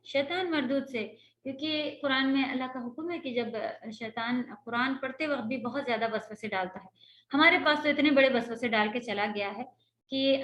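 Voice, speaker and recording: A woman's voice: sits high, fairly bright tone, dull audio. A woman Quran teacher giving a patient, explanatory religious lecture, slipping English words into her talk.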